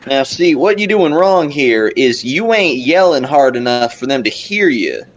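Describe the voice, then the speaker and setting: A man's voice: medium pitch, very animated, measured pace. A man playing a tabletop role-playing game, dropping joking, teasing asides. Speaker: player. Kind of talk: casual tabletop game chat.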